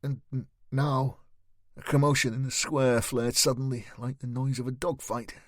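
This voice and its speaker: A man reading a fantasy novel aloud in a measured, steady storytelling manner. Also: mid-range voice, no echo, clean studio sound. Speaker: audiobook narrator. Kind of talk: scripted audiobook narration.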